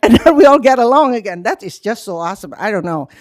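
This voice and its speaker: An older woman who leads a nonprofit youth program speaks at a public city meeting, animated and talkative, laughing often and talking fast. Originally from Hong Kong and raised in Indonesia, she has an ordinary pitch, and the sound is dry and close with no room sound.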